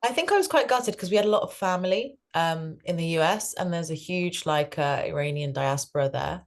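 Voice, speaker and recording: Low-voiced thoughtful woman guest. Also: expressive, fairly quick. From grew up between the US and the UK. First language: Farsi. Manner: thoughtful, self-correcting. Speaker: guest, behaviour change specialist. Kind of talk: conversational interview answers.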